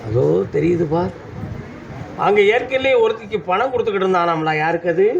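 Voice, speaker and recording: In a high, expressive, creaky voice, a man talks briskly as the deity of a village temple, scolding and commanding the devotees before him. He has a southern Tamil accent, comes from Tamil Nadu, and speaks as a trance oracle. The dull recording carries faint background noise.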